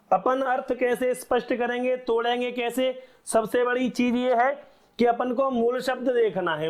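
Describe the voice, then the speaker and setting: A man with a high, light voice teaches a class at an unhurried, deliberate pace. He keeps quizzing his students with quick questions and then answers them himself, repeating each key point. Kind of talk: classroom lecture.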